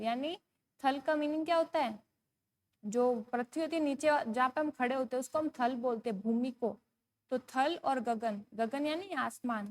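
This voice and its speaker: A woman teacher from India with a Rajasthani Hindi accent, explaining a lesson to young children. She chants poem lines slowly and asks questions that she then answers herself. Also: high voice. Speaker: primary school teacher.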